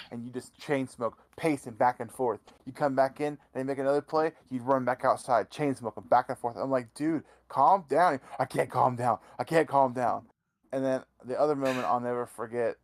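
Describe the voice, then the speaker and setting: A man co-hosting a sports podcast, teasingly retelling stories about his friend. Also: mid-range voice. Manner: teasing, animated anecdote-telling. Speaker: podcast co-host. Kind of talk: casual sports chat.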